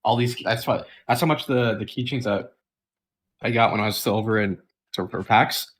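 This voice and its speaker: A woman making short, halting, laid-back remarks in a casual chat with friends. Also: extremely low pitch, a little hiss or hum.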